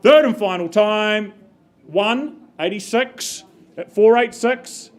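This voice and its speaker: A woman's voice: mid-range voice, slow pace. A woman working as a live auctioneer, calling out bids and repeating figures in short phrases as she prompts bidders.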